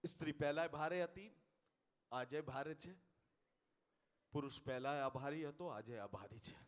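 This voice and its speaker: A high-pitched man with a Gujarati accent works the room in a stand-up set. He slips into the voices of his characters as he goes. His voice rings out with the long reverb of a hall. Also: moderate pace. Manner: animated, puts on voices of the people in his jokes, talks straight to the audience. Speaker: stand-up comedian. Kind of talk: Gujarati stand-up comedy on stage.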